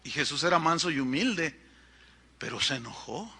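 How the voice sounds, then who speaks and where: A middle-aged man with a Mexican accent preaching a sermon, telling stories in an animated way and acting out the people in them. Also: fairly high pitch, moderate pace, slightly rough. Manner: animated storytelling with acted-out quotes. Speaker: pastor.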